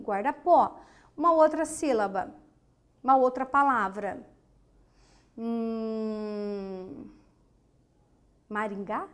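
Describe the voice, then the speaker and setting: A woman teaching a grammar lesson, patiently repeating key words and asking and answering her own questions. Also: a little high.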